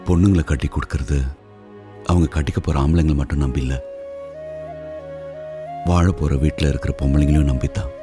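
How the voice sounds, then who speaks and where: A deep-voiced stoic elder brother. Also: male voice, fairly even intonation, fairly quick, long pauses. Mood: grave, pleading. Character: protective elder brother, grown man, stoic and steady. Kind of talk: film drama dialogue. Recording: film soundtrack with clear music behind.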